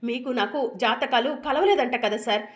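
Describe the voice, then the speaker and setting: A wronged young wife, bitter and accusing, speaking in a high voice, as a woman narrator reads her lines. She presses her husband with question after question and ends them with "sir". The part is told as a dramatic story recap. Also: fairly quick, natural voice. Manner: reproachful questions ending in "sir".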